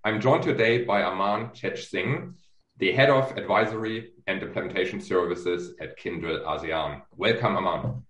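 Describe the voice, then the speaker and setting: The host, a research firm's chief executive, has a deep, fairly bright voice and talks at normal speed. Recorded in an echoey room, his business interview questions run long, with many fillers and restarts.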